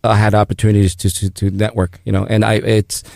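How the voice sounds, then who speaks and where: A man's voice: lowish voice, level tone, a little fast, creaky, darkish tone, dry recording, studio quality. A middle-aged man from El Salvador, a native Spanish speaker, talking as a guest in a radio interview, with many restarts and fillers. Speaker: guest, business founder.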